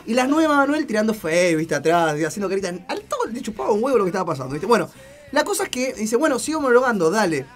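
Animated Argentine man telling a story. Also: sits high, fast talker. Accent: Argentine Spanish. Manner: animated storytelling, laughing often. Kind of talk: casual radio chat.

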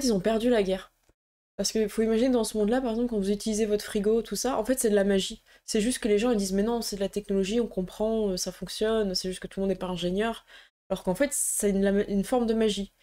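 A woman's voice: medium pitch, dark tone. A woman chatting casually to camera about a tabletop roleplaying book, with many fillers and restarts. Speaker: tabletop roleplaying game YouTuber. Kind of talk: casual show-and-tell chat.

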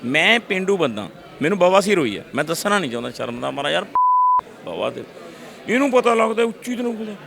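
Gravelly-voiced man telling stories. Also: high voice, quick pace, crowd noise. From Punjab, India. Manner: lively storyteller, acts out voices, frequent restarts. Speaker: actor interviewee. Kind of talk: animated casual interview talk.

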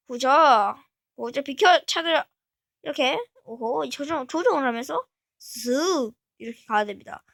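A woman hosting a gaming channel, talking casually through a game step by step and breaking into excited exclamations. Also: high voice, no echo, clean studio sound. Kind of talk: casual gameplay commentary.

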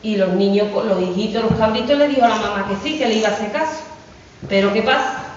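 A woman reading a storybook aloud to young children in a classroom, animated and asking them questions. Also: mid-range voice, slight background noise. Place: school classroom. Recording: echoey, distant, dull room recording.

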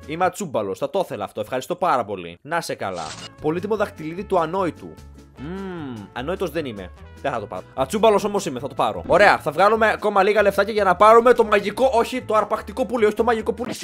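Excitable young gaming youtuber guy. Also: a little high. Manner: excitable, jokey, shouts during fights. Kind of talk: gameplay commentary. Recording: background game music.

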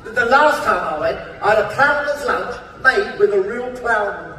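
A man playing a camp, shrill pantomime dame, a gossipy housekeeper delivering an exclaiming comic monologue. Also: animated, normal speed, sharp tone, slight background noise. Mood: gushing, gossipy. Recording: echoey hall, distant mic, music.

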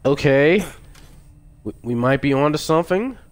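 A man streaming a video game live, reacting out loud with swearing and excited outbursts while he talks to himself and his chat. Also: a little high, normal speed. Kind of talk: live gameplay commentary.

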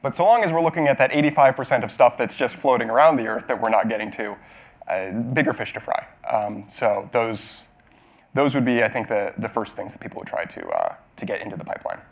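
At a podium on an auditorium stage, a man in his thirties fields questions after his technical talk. His medium-pitched voice is very animated, though he explains haltingly, hedging and correcting himself.

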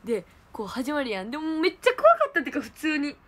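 A young woman, hosting a livestream and telling a story in animated casual chat. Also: sits high, racing. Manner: animated storytelling, laughing, exclaiming. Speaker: idol livestream host.

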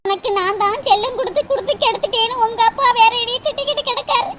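A woman's voice: extremely high pitch, quick pace. A woman voicing an anxious middle-aged mother in a cartoon, pleading and scolding her son. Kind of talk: cartoon voice acting. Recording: loud background noise.

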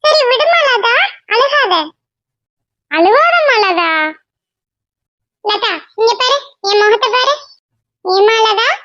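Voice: extremely high pitch, sharp tone, dry recording, exaggerated voice. Someone voicing a motherly older cartoon neighbor. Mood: soothing. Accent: Tamil. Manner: soothing, advising. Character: kind older village woman, motherly neighbor. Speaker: cartoon character. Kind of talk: Tamil cartoon voice acting. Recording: dull lo-fi dry voice track.

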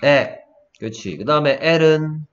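A man tutoring English pronunciation one-on-one, saying sounds slowly and then faster, and asking the student to repeat them. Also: fairly high pitch, a little hiss or hum. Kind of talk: one-on-one phonics lesson. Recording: dull, lo-fi sound.

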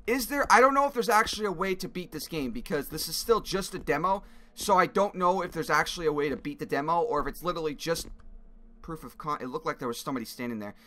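Bright-voiced young man commentating on games. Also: a little high, expressive, quick pace. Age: young adult. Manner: rambling, thinking aloud. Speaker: gamer reviewing a game demo. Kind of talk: casual gameplay commentary.

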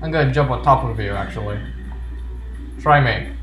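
Video game music and a roomy echo surround a gaming video host speaking at normal speed in a medium-pitched, slightly bright voice. His commentary is casual and jokey, and he often talks back at the characters on screen.

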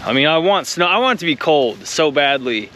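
A man's voice: on the high side, very animated, brisk. A young man from Northeast Ohio casually vlogging with his camera, upbeat and jokey as he talks. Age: young adult. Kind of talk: casual vlog chat. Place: outdoors in a park and in a car. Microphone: handheld action camera.

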